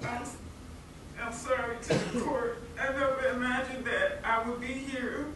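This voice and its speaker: A woman delivers a defendant's allocution in a courtroom, slowly and haltingly, apologizing and repeating her words. She is heard from a distance in a very echoey room, with clear noise behind her. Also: on the high side, flat delivery, fairly bright tone. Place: large courtroom, standing away from the microphone.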